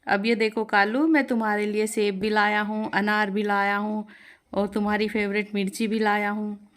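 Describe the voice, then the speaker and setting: A woman's voice: mid-range voice, level tone, normal speed, fairly bright tone, lightly acted. A woman voicing a kind, obliging young husband who dotes on the parrot. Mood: friendly. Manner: eager, obliging.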